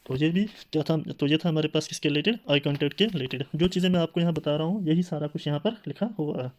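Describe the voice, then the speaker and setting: A man's voice: fairly high pitch, fast. Man lecturing with rhetorical questions. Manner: explains with rhetorical questions and fillers. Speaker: teacher. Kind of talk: classroom lecture.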